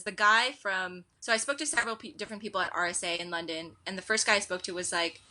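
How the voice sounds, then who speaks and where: An American woman, an education technology director, telling stories in a casual interview with lots of quoted asides and fillers. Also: medium pitch. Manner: animated storyteller, quick with fillers and quoted asides. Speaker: edtech director, podcast guest.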